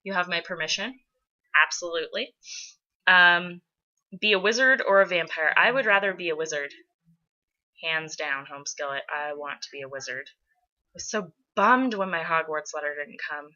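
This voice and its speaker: A woman's voice: fairly low pitch, normal speed, sharp tone. An American woman talking casually on her own as she answers a questionnaire, with a wry, opinionated way of speaking, on a lo-fi home recording. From United States, born in California, moved between states. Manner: wry, opinionated asides with mild swearing. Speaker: blogger answering an accent challenge.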